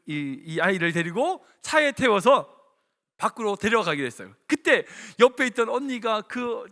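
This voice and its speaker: Animated high-voiced preaching man. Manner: animated storytelling, acting out dialogue. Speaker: senior pastor. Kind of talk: sermon. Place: church sanctuary. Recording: long reverb of a church hall.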